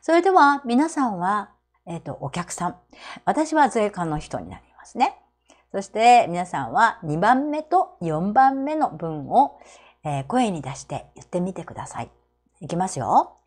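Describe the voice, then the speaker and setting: A woman with a Japanese accent teaching English travel phrases to seniors, modelling each phrase very slowly. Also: mid-range voice, sing-song.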